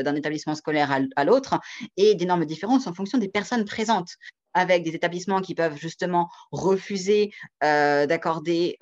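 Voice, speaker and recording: Hesitant man presenting over a video call. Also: fairly high pitch. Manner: measured, hesitant delivery with frequent pauses. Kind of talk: online conference presentation. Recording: dull lo-fi video call audio.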